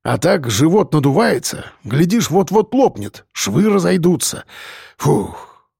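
A man voicing a gruff, grumbling older man recovering in a hospital bed. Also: a little high, very animated, slow, darkish tone, no room sound, clean studio sound, pitched above the performer's own voice, full character voice.

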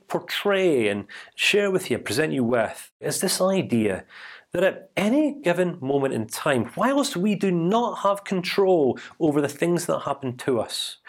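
A man giving a motivational talk built around a personal story, told in an emphatic, animated way. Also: fairly high pitch. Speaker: speaker.

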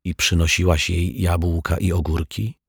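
A man voicing a kindly detective who talks calmly and with quiet amusement. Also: deep voice, a little slow, creaky, breathy edge, dry recording, studio quality, full character voice. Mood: amused. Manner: calm, gently amused. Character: kindly amused male detective, gentle and patient.

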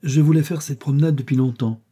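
A man's voice: on the high side, steady tone, fast, dark tone, breathy edge, voice pushed up. A man reading aloud and voicing an impatient, haughty young Russian princess in a raised, imperious tone. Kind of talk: audiobook character voice.

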